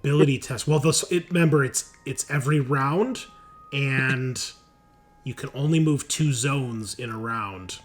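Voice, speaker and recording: Faint music plays behind a man who is casually running a tabletop roleplaying game, talking through the rules in a conversational way as game master. He speaks at medium pitch and a measured pace.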